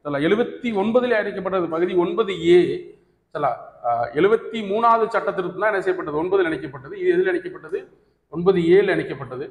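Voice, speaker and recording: A man's voice: sits high, fast talker, phone-quality sound. Tamil-accented male teacher in an echoey hall. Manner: keeps asking "right?" to check understanding; mixes English terms into his speech. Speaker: exam coaching teacher. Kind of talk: classroom exam lecture.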